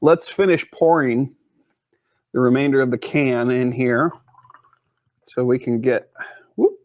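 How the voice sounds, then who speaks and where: A man's voice: mid-range voice, slow, no echo. A man from the US Pacific Northwest hosting a casual beer review podcast, rambling and joking as he reads reviews aloud.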